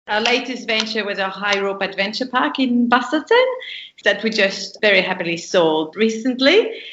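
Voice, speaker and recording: A woman from France, a business lecturer with a French accent, appears as a podcast guest, earnestly explaining things step by step with examples. Her mid-range, fairly bright voice has lively intonation at a moderate pace. The dull, lo-fi recording has an echoey room and slight background noise.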